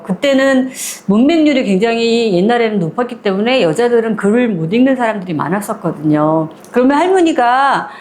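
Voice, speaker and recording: Woman narrator, slightly high, relaxed conversational retelling of a story, lively with acted-out dialogue. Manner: lively, acts out the characters' lines in dialogue. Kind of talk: casual spoken retelling of a short story.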